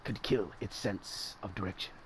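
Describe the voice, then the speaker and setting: A man voicing a solemn, awed nature documentary narrator in a deliberate, dramatic mock-wildlife commentary. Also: fairly low pitch, a crowd in the background, pitched below the performer's own voice, natural voice, poor audio. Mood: grave, dramatic. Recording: music behind the voice.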